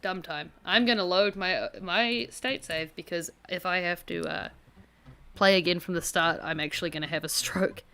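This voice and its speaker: A woman's voice: on the low side, normal speed, bright, forceful tone, clear, resonant tone. A woman with a broad rural New Zealand accent giving casual gameplay commentary in a rambling, sweary, self-deprecating way. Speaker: gaming video host.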